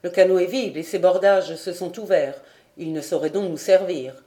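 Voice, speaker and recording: A man's voice: high voice, fairly even intonation, normal speed, warm tone, lightly acted. A woman reading aloud, voicing a dutiful sailor giving a plain, matter-of-fact report.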